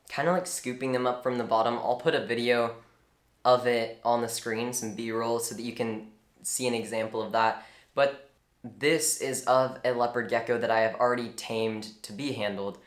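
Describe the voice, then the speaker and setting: A young man giving an informal, earnest tutorial on reptile care, with strong opinions and lively emphasis. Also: mid-range voice, normal speed. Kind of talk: informal instructional talk. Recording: echoey room.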